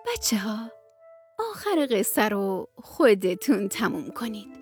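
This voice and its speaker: A woman storyteller narrating a children's bedtime story on radio, gentle and expressive. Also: medium pitch, soft background music.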